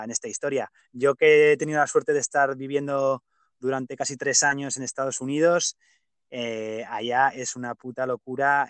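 A man from Pamplona, Spain, with a mid-range voice hosts a podcast, keeping the interview chat casual, opinionated, and heavy on hesitant fillers. There's no room sound.

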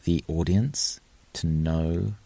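Deep-voiced man telling an excited story. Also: slow pace, gravelly, dry recording. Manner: enthusiastic, rambling with fillers and restarts. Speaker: event organiser. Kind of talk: animated storytelling.

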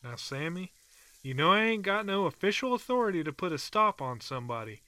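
A man's voice: high-pitched, big pitch swings, brisk, pushed and bright, no echo, exaggerated voice. An actor playing a folksy, easygoing country man who calls in to a radio show, full of colorful sayings. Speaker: caller.

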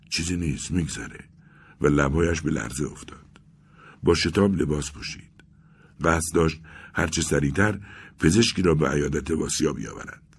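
A man narrating a literary story in a measured, grave, dramatic reading style. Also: a bass voice, creaky, breathy edge. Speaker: audiobook narrator.

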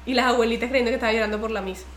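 A woman co-hosting a casual podcast, telling stories in an animated way and acting out other people's voices. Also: fairly high pitch, very fast, reverberant, slight background noise. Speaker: podcast co-host.

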